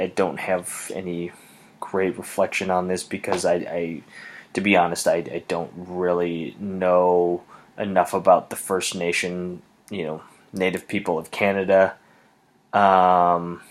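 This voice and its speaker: Young man, very low voice, hesitant, filler-heavy, casual spoken answers. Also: a little hiss or hum. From Wisconsin, USA. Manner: halting, many ums and restarts. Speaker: language student answering questions.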